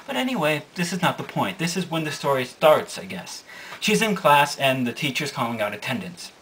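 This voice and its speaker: A man's voice: fairly high pitch, very animated, fairly quick, fairly bright tone, slight background noise. A young man casually recapping a manga's plot, rambling and correcting himself with amusement, recorded from a distance. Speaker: manga reviewer.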